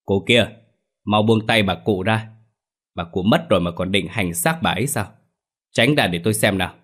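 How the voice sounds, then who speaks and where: A man voicing a stern elderly village ritual master in a ghost story, grave, measured and commanding. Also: fairly low pitch, fairly bright tone, breathy edge. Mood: scolding.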